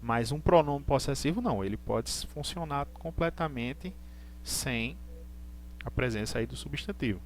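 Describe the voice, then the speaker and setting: Patient teacher. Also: male voice, medium pitch, expressive, a little hiss or hum. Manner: patient, repeats points, reads English examples slowly and deliberately. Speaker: English teacher. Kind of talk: live online class.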